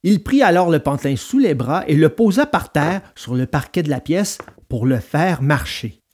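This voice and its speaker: Husky, lively male storyteller. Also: on the high side, normal speed. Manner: expressive, dramatic read-aloud. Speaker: narrator. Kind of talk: storybook narration.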